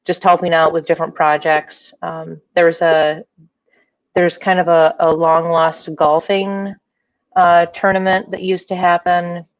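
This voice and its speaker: A woman's voice: on the low side, flat delivery, unhurried, no echo. A woman attorney speaking as a guest on a video call, hesitant and thinking aloud. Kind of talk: casual video-call interview. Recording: dull distant video-call audio.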